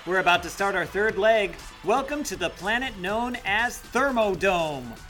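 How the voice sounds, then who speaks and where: A bright, lively sports announcer, played by a man, hyping a deadly race with upbeat patter. His pitch leaps around as he talks, and music runs behind him. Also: unhurried, full character voice. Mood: excited. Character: hearty male sports announcer.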